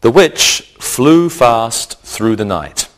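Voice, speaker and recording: A man teaches an English grammar lesson in a scripted, deliberate, instructional manner, enunciating carefully. His voice is medium-pitched with big pitch swings.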